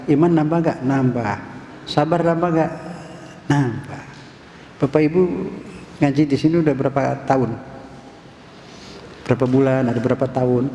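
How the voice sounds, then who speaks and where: A man's voice: fairly high pitch, creaky, dark tone. A man preaching a casual dawn sermon in a mosque, quizzing the audience and repeating key words. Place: mosque hall. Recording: echoey mosque hall, faint noise.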